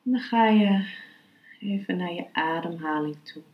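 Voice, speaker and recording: A woman speaking as a meditation and philosophy teacher, calm, unhurried and instructive. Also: lowish voice, highs cut off. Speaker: yoga philosophy and meditation teacher, podcast host. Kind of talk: spoken lesson, then slow guided meditation. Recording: roomy, echoing sound.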